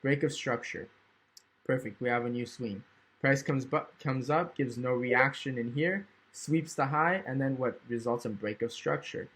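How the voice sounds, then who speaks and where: A man's voice: medium pitch, normal speed, fairly bright tone, breathy edge. A man casually walking through trading charts on screen, thinking aloud and often checking in with "right?". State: hiccups. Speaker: trading educator. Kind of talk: screen-recorded chart walkthrough.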